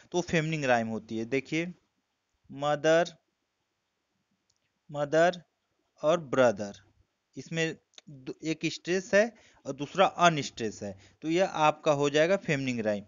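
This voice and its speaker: A man with an Indian accent gives an exam-prep lesson in a smooth, resonant voice with a slightly raised pitch. He explains step by step and slows down for quoted lines. The sound is dry and a little muffled. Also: dry recording. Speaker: teacher.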